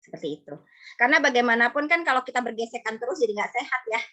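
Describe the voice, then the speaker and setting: A woman's voice: fairly high pitch, fast, sharp tone. A woman in her thirties giving parenting advice in a conversational way, often acting out short dialogues between a mother and her child. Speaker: psychologist speaker. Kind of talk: parenting talk in an online study session.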